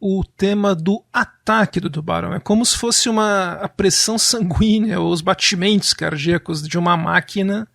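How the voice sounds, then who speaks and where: A man's voice: high voice, moderate pace, creaky, few pauses, fairly bright tone, no echo, studio quality. A man co-hosting a podcast, explaining film history fluently in a storytelling way. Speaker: podcast co-host. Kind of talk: casual film music discussion.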